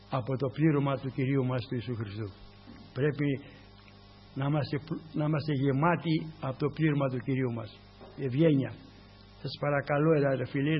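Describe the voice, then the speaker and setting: A man preaching an informal sermon, fervent and repetitive, often calling on his brothers, in a lo-fi recording with hum. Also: medium pitch.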